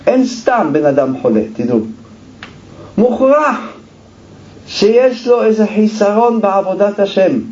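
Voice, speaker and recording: A man teaching a religious sermon, emphatic and full of rhetorical questions, chanting quoted verses slowly. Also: high-pitched, expressive, a little mellow. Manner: emphatic, asks rhetorical questions and answers them. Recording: roomy echo, dull lo-fi sound.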